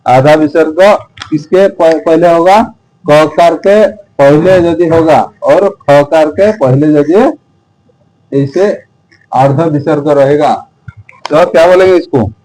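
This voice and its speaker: A man teaching Sanskrit grammar slowly, asking the class questions again and again and drilling sounds aloud. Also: fairly high pitch, mellow, rough recording. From India. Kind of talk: slow repetitive teaching.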